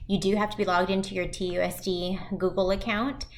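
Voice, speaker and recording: A woman in her thirties, a high school math teacher, walking parents through class web pages in a recorded virtual presentation. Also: little pitch movement, brisk, a little hiss or hum.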